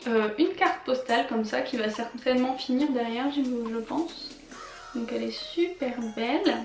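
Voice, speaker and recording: Young woman vlogger, high bright voice, gushing and chatty, echoey home room with faint music. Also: vocal fry. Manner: chatty, enthusiastic, frequent fillers and laughs. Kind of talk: casual haul vlog.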